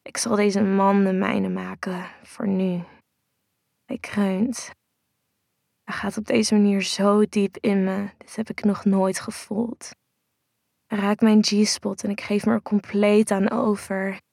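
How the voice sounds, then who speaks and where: A woman tells a first-person erotic audio story in a soft, hushed, intimate voice. She has a gravelly edge and keeps a narrow, even pitch. The recording is close and dry. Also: slow pace, dry recording.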